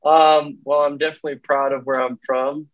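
A man's voice: a little high, little pitch movement, fairly quick, no room sound. A young man in his twenties, an athlete answering interview questions briefly and hesitantly over a video call. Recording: dry, dull video-call audio.

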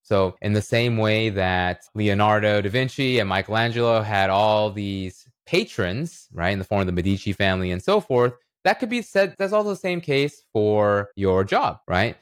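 As a podcast interview guest, a man who is a writer and illustrator explains ideas reflectively, using analogies and rhetorical check-ins with the listener. His lowish voice is animated, clear, and resonant, at a moderate pace with few pauses, in clean studio sound with no echo.

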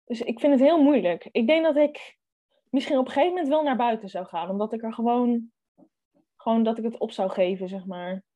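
With a fairly high, mellow voice and a slightly fast pace, this young book-podcast co-host reads from a thriller and then chats casually about it. She thinks aloud using hesitant fillers, and the sound is lo-fi.

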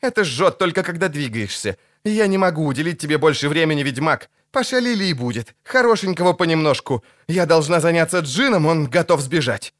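A man's voice: on the high side, expressive, a little fast, few pauses, fairly bright tone, voice pushed up. A man voicing a proud sorceress who speaks coldly and mockingly in an audiobook. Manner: hissing, cold and mocking. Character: cold, proud sorceress, woman.

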